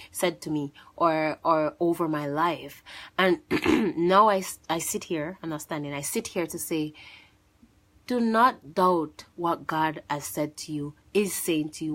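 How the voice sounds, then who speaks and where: A woman tells her testimony in a somewhat low voice. She talks in a lively, storytelling way, leaping up in pitch to act out what she and others said. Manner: animated, acts out quoted voices with big pitch jumps.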